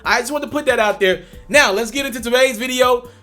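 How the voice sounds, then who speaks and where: Over soft background music, a young adult man delivers direct-to-camera commentary for his channel in a very high, sharp voice, moving a little fast. He addresses viewers directly and stresses his points emphatically by saying them again.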